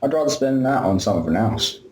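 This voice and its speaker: A man's voice: medium pitch, lively intonation, fairly quick, darkish tone. A man from Essex with an Essex accent, chatting casually as a panelist on a gaming podcast. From Essex, England. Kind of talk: casual chat. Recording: roomy, echoey sound.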